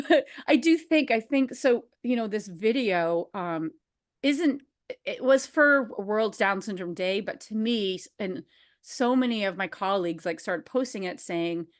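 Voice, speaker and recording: A woman in her forties hosting a casual conversation about behavior analysis, animated and quick to laugh. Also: mid-range voice. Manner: animated, laughs often, acts out quotes.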